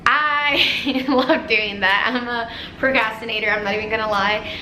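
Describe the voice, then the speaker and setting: Bright-voiced young woman. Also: fairly high pitch, steady tone, normal speed, a little hiss or hum. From Puerto Rico. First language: Spanish. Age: 20s. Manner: upbeat, chatty, reads questions aloud. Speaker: vet student vlogger. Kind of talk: casual Q&A vlog. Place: small indoor room. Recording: roomy echo, faint music behind.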